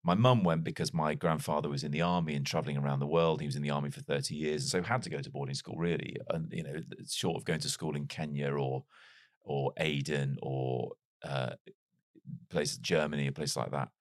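Recounting his life story in a casual interview, a podcast guest in his forties who grew up in North Wales speaks with a very deep, steady voice at a fairly quick pace. His mild British accent isn't strongly Welsh, and his manner is reflective, wry and self-deprecating. The recording is dry and studio-clean.

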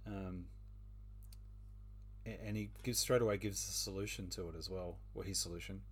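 A man's voice: sits low, steady tone, moderate pace, slightly rough. A man leading a casual book discussion, thinking aloud with many fillers and hesitations.

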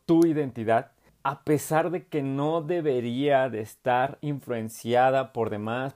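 Lively young Mexican preacher. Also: male voice, medium pitch. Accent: Mexican Spanish. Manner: animated, slangy, laughs often. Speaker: youth preacher. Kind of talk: casual youth sermon.

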